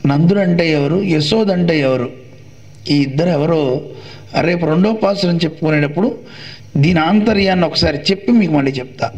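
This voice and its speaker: A man teaching a devotional discourse, asking questions and answering them himself, at times chanting divine names aloud. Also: on the high side. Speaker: religious teacher. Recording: dull lo-fi recording.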